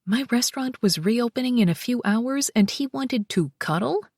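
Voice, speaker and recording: Breathy woman reading a romance. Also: on the high side, lively intonation, dry recording, clean studio sound. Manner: soft, slow, breathy delivery with whispered passages. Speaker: audiobook narrator. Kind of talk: first-person romance audiobook narration.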